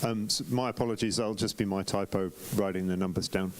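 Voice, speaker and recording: Reviewing competition photos live for a club, a man talks in a chatty, self-correcting way, often breaking off and starting over with an um. He speaks fairly quickly in a lowish, steady voice, with slight hiss or hum on the recording.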